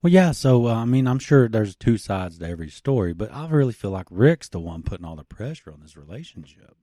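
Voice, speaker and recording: A man's voice: on the low side, very animated, brisk, mellow, dry recording, clean studio sound. Wisecracking man podcast co-host. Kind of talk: casual true crime podcast chat.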